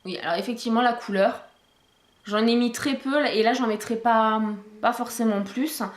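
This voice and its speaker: A woman's voice: fairly high pitch, steady tone, normal speed, roomy sound. A woman chatting casually through a product review vlog, talking with many fillers and restarts into a camcorder microphone.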